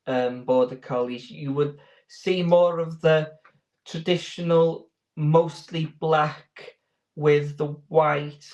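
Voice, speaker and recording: Man, fairly high pitch, informal interview answers, hesitant rambling explanations. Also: a little mellow, dull audio. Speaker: sheepdog handler and breeder.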